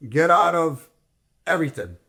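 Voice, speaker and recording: A man's voice: on the high side, very animated, normal speed, vocal fry, sharp tone. A man in casual chat on a barbershop show, insistently repeating warnings and swearing freely. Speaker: regular on a barbershop talk show.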